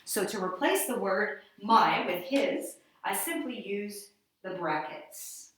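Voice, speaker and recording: A woman's voice: mid-range voice, animated, slow, a bit bright, slight background noise. Woman teaching in an echoey room. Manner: explanatory, conversational, with fillers. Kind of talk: screencast lesson narration. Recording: roomy echo.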